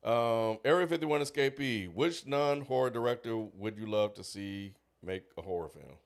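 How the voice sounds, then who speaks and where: A man's voice: mid-range voice, normal speed. A man co-hosting a casual podcast, reading out listener questions from the chat and chatting loosely. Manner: relaxed, reads out listener questions.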